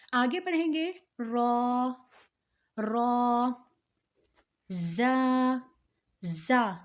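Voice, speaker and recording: A woman Quran teacher giving a patient lesson on letter sounds, drawing each letter out slowly and repeating every point. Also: high-pitched. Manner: slow drawn-out letter recitation between explanations.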